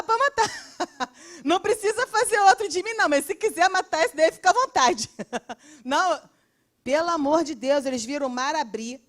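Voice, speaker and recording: High-voiced, animated Brazilian woman teacher. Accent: Brazilian Portuguese. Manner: lively and expressive, acts out quotes, laughs often. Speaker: Bible school teacher. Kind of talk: animated Bible class lesson.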